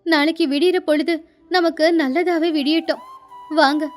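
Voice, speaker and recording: A woman voicing a devoted young wife who speaks gently and soothingly in a storybook tale. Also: sits high, steady tone, normal speed, faint music behind, close to an everyday voice. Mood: consoling.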